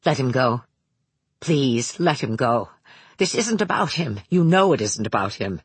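Lady voicing a desperate mother begging, husky and low, dry mic, audiobook. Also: lively intonation, measured pace, no echo, exaggerated voice. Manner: pleading, urgent. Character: desperate mother pleading for her son.

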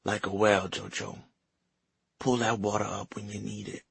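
A man voicing a frail, dying grandmother who speaks softly and tenderly through pain. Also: fairly low pitch, little pitch movement, moderate pace, dry recording, exaggerated voice. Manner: soft, breathy, pained.

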